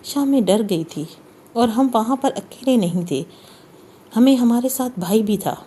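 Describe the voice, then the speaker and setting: A woman's voice: fairly high pitch, expressive, warm tone, slight background noise, natural voice. A woman reading the part of a frightened, timid young wife in an audiobook, pleading and apologetic.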